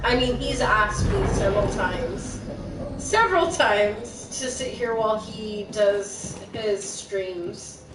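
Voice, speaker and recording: A woman's voice: medium pitch, expressive, slow, background noise. A woman co-hosting a game stream, chatting casually in a rambling, self-conscious way. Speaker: stream co-host. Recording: distant mic in a roomy space with game music. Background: game music.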